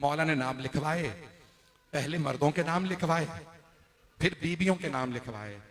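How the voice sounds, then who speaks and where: A man's voice: fairly high pitch, normal speed, a bit bright, in a large hall. A male preacher telling a mourning story in a sermon, speaking straight to the gathering and swelling into wailing calls. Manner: addresses the gathering directly.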